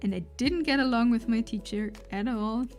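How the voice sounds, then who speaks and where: This young woman, a native German speaker, chats casually on a livestream while she draws, thinking aloud with fillers and restarts. Her voice is a little high and a little mellow, at a moderate pace. Faint lofi music plays underneath.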